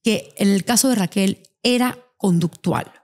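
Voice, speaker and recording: Lady podcast host chatting, animated storyteller, mid-pitch voice. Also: measured pace. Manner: tells anecdotes animatedly, acts out quoted voices. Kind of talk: casual podcast conversation.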